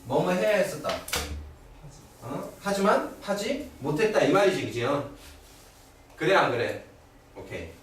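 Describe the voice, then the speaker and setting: Middle-aged male grammar teacher, lively up-and-down delivery, fairly high voice, keeps checking in with the class, picked up from afar in a very echoey room. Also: unhurried, long pauses, distant mic. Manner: keeps checking in with rhetorical questions. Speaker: English teacher. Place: classroom at a cram school.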